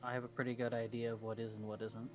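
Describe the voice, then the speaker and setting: A man's voice: medium pitch, little pitch movement, fast talker, music in the background, low-quality recording. A man playing a tabletop roleplaying game, chatting casually and thinking aloud in a hesitant way.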